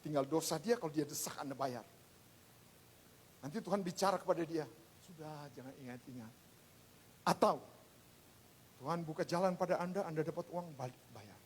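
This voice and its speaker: A male pastor preaching a sermon at a church service, dropping to hushed asides and rising to shouts. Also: on the high side, brisk, a little hiss or hum. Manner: swings between hushed asides and shouted exclamations.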